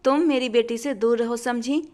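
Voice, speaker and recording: A woman's voice: on the high side, steady tone, moderate pace, darkish tone, lightly acted. A woman voicing an angry young father who speaks in a cold, clipped, threatening way while telling a story. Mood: cold anger.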